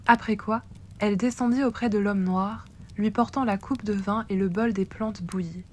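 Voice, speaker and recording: A woman storyteller reading aloud from a classic tale, with a measured and expressive delivery. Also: mid-range voice, a little hiss or hum.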